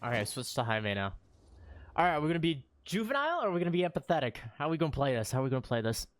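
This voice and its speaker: A man streaming a game playthrough, excitable and quick to laugh and swear. His voice swings widely in pitch. The sound is dry and close on a desk mic. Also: dry recording. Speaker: gaming streamer. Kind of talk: gaming commentary.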